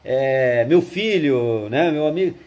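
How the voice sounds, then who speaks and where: Man doing a slow elderly grandfather. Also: mid-range voice, animated, darkish tone. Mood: placid. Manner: drawling, rambling.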